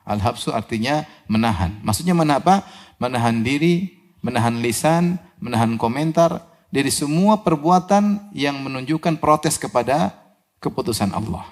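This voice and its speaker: Male preacher, sermon, animated delivery, pitch jumps on key words, asks and answers questions. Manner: asks the audience questions and answers them himself; recites verses in Arabic, then explains them.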